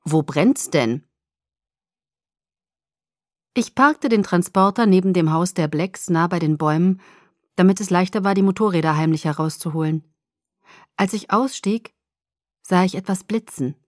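A woman narrating a novel in the first person with a lively, expressive delivery. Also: lowish voice, normal speed, no room sound, clean studio sound. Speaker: audiobook narrator.

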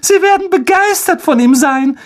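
Shrill gushing fussy aunt, way up high and super lively. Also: moderate pace.

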